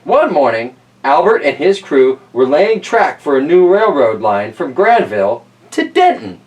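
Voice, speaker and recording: His voice is fairly high and swings widely in pitch, delivered at a measured pace as he hosts a playful, folksy read-aloud of picture books, chatting and rambling off on asides. Sound comes from a distant, roomy mic with some faint noise.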